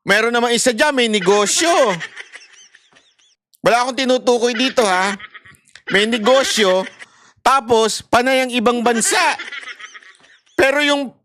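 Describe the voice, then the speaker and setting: A man's voice: very high voice, unhurried, pauses often, pushed and bright, slight background noise. A man from the Philippines giving heated commentary to his viewers, laughing often and swearing between apologies. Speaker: online commentator.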